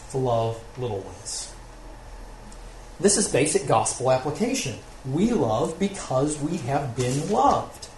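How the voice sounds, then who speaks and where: A man's voice: mid-range voice, darkish tone. Man, pastor, delivering an earnest sermon with rhetorical questions; roomy church sound with light background noise. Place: church sanctuary.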